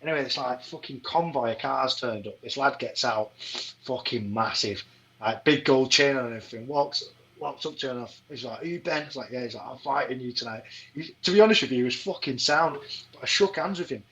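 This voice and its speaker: A man's voice: mid-range voice, a little fast, bright, forceful tone, low-quality recording. A man, a podcast guest telling fight stories in casual chat, swearing often and asking "do you know what I mean".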